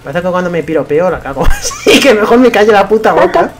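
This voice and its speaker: Swearing man gaming, lively pitch. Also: fast talker. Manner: swears a lot, laughs, excitable outbursts. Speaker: gamer. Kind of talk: casual gameplay commentary.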